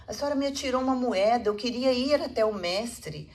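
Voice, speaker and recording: A woman voicing a humble, healed beggar man who pleads insistently and earnestly, in a slightly gravelly voice. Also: very high-pitched, fairly quick, voice pushed up. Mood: pleading.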